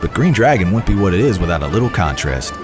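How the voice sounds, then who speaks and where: Lively low male voice-over narrator. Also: fast talker. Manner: polished, descriptive, travel-show tone. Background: background music.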